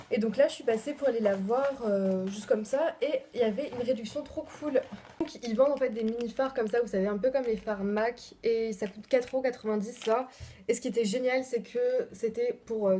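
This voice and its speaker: A woman's voice: on the high side, warm tone, slight background noise. A young woman vlogging casually into her phone, chatty and rambling with lots of fillers. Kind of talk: casual vlog chat. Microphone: phone camera.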